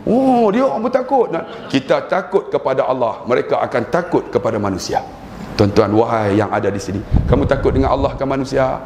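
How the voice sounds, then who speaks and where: A middle-aged man with a Malaysian Malay accent preaches to a gathered congregation. He tells his stories with animated humor and slips into other people's voices as he goes. His voice rings through a roomy hall over a faint bed of ambience. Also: mid-range voice, a little fast, slight background noise. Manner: animated storytelling, acting out quoted voices with humor. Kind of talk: religious lecture to a congregation.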